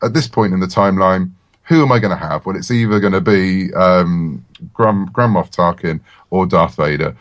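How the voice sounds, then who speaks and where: A writer appearing as a guest on a podcast tells stories casually in a halting, self-deprecating way. His voice is low, with no room sound.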